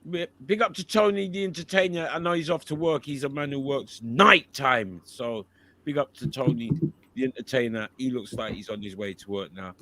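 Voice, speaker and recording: A man co-hosting a football chat, cheeky and full of banter, shouting out viewers. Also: mid-range voice, normal speed. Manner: cheeky, bantering, reads out comments. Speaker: co-host.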